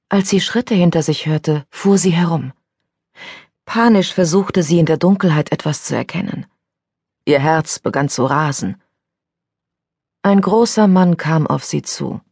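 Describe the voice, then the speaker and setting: A woman narrating an audiobook thriller in a measured, unhurried reading style. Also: on the low side, darkish tone, slightly rough, dry recording, clean studio sound. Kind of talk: scripted narration.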